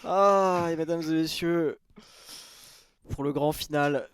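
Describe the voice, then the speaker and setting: A man's voice: fairly high pitch, takes it slowly, clean tone. A man streaming live in casual chat, playful with swinging intonation.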